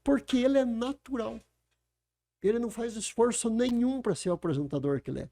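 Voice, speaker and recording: A man's voice: very high voice, a little fast, creaky, warm tone. A man explaining how to speak well. He talks in an emphatic, teaching way and asks rhetorical questions. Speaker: communication speaker. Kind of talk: conversational explaining. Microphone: podcast microphone.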